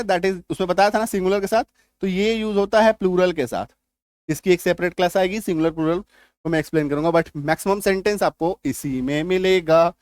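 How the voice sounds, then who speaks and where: A man's voice: high-pitched, dry recording. A man teaching a grammar lesson, explaining step by step and often checking that his students follow. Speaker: English teacher.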